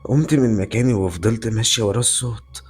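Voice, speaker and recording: A man's voice: fairly low pitch, fast, a little mellow, slightly rough, faint music behind. A male voice actor narrating a first-person horror story in a dramatic, tense storytelling manner.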